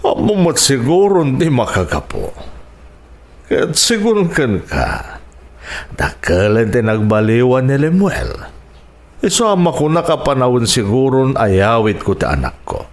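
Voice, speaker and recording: In a radio drama, a Filipino man plays a gentle, forgiving middle-aged landowner and father. His delivery is slow and emotive, grateful and reflective in mood, with a mid-range voice that swings hugely in pitch.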